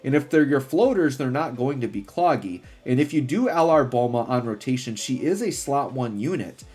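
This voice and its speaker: A male gaming host chats casually over music. He rambles excitedly and slangily through his gameplay commentary, in a mid-pitched voice with a slightly rough edge. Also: normal speed. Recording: music behind the voice.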